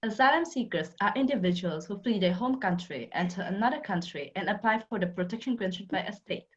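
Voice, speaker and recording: A woman's voice: mid-range voice, expressive, a little fast. A woman who is a student presenter, reading a prepared script for a presentation. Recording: dull lo-fi recording.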